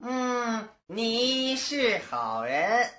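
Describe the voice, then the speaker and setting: A woman voicing a dim-witted, lazy old male county magistrate in a storybook tale, speaking in a slow, puzzled drawl, on a dull lo-fi recording. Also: fairly high pitch, sing-song, a bit bright, pitched below the performer's own voice, heavily acted. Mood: pompous.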